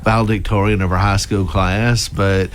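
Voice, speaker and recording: Low-voiced Mississippi Southern man, noisy studio recording. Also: level tone, normal speed. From Mississippi, United States. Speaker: university president, interview guest. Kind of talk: in-studio radio interview, storytelling. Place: radio studio. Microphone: studio microphone, close.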